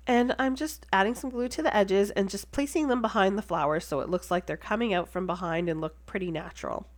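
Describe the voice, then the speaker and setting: A woman's voice: medium pitch, fairly quick. A woman with a stuffy, congested voice, chatting enthusiastically as she talks through making a card. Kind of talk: casual crafting tutorial voice-over.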